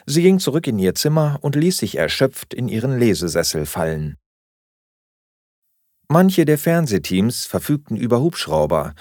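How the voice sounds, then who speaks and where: Man reading a novel aloud, lowish voice, lots of lilt, dead dry studio. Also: no room sound. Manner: expressive. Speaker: audiobook narrator. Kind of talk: scripted narration.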